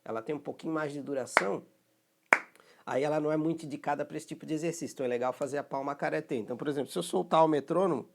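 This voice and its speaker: A man with a Brazilian Portuguese accent, speaking in a fairly high voice as he teaches a recorded music rhythm lesson. He explains each step patiently and often pauses to check that his students follow along. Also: steady tone, creaky, a little hiss or hum.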